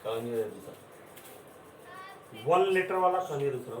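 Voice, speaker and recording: A man giving a classroom lecture, explaining slowly and repeating his words. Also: mid-range voice, expressive. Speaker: teacher. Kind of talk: classroom lecture mixing Hindi and English. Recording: echoey room, voice from a distance, faint background noise.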